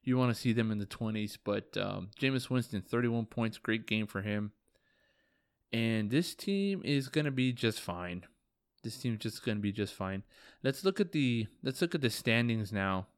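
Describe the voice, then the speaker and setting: Though tired and yawning, this man sounds animated as he hosts a casual solo fantasy football podcast, his lowish, smooth voice moving at a normal pace. He jokes, swears here and there, and needles his league pals, with clean studio sound and no echo.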